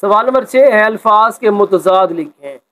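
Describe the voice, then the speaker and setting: A man teaching a school lesson, explaining a textbook exercise and reading example sentences slowly with expression. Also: high-pitched, animated, a bit bright, rough recording.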